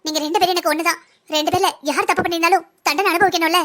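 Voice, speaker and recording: A woman's voice: extremely high pitch, steady tone, racing, fairly bright tone. A woman voicing a firm, righteous young wife in a cartoon, speaking sternly. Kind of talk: cartoon voice acting.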